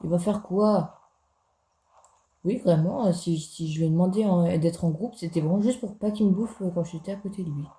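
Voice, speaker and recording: A man's voice: sits high, normal speed, mellow. A man giving casual gameplay commentary as a gaming YouTuber, chatty and jokey, talking straight to his viewers.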